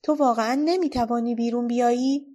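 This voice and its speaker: A woman's voice: a little high, fairly even intonation, warm tone, close to an everyday voice. A woman reading a worried little girl. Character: timid, worried young girl. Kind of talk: storybook reading.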